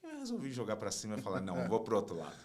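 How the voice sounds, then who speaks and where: Man from Taiwan, very low voice, podcast guest, storytelling, conversational. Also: wildly swooping pitch, very fast, darkish tone. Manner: storytelling, tagging "né?". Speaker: guest, consulting partner. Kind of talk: relaxed interview conversation.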